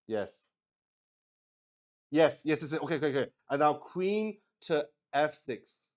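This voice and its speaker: With a fairly high pitch, a man hosts a solo roleplaying game and narrates casually as he makes it up. He gets excitable, halts, repeats himself, and swears a little.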